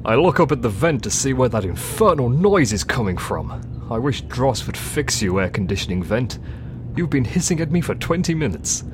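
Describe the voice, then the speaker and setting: A man's voice: mid-range voice, sing-song, normal speed, background noise, natural voice. A man playing a pompous, dim, cheerful space adventurer in a comic sci-fi audio drama, declaiming grandly and obliviously. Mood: oblivious, breezy.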